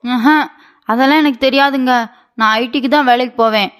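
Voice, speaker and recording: A woman's voice: high voice, fairly even intonation, fairly quick, a bit bright, clear, resonant tone. A woman voicing a naive, stubborn young wife with big dreams in a cartoon comedy. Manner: stubborn, boastful, childlike.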